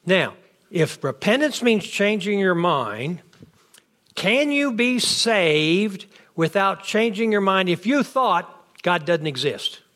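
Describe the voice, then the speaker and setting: A man's voice: high-pitched, big pitch swings, slow pace, a bit bright. A man teaching a bible class, firing off questions and answering them himself. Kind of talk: interactive bible class lecture.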